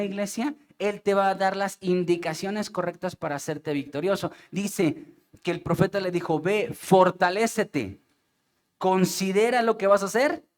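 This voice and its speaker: A man with a Mexican Spanish accent preaching a Sunday sermon as pastor, emphatic and direct, now loud, now dropping to quiet low asides. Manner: emphatic preaching, often calling out "iglesia". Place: church sanctuary.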